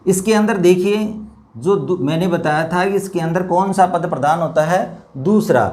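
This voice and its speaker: A man teaching a Hindi grammar lesson, explaining step by step, repeating words slowly and addressing his viewers as dear children. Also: high-pitched, darkish tone. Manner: slow, repetitive explanation with drawn-out words. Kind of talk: classroom lesson.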